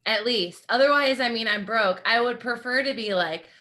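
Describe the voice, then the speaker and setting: A woman's voice: a little high, moderate pace, sharp tone. An American woman from Nebraska doing a bubbly, giggly stand-up set. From United States, Nebraska. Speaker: stand-up comedian.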